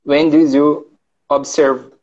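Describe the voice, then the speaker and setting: A man from Rio de Janeiro, a student answering a teacher's drills with slow, careful repetition. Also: a little high, flat delivery, darkish tone, highs cut off.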